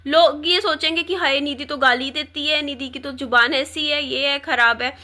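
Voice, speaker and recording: Speaking directly to her viewers, the upset young vlogger pushes back defiantly against the insults she's received, pleading and saying things over and over. Her voice sits high and sounds bright and strained, with fairly even intonation at a normal speed.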